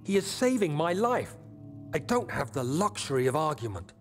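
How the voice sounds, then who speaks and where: A man's voice: on the high side, very animated, normal speed. An actor playing a haunted young man reading his diary aloud in a video game, tense and guilt-ridden. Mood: shaken, guilty. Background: game music.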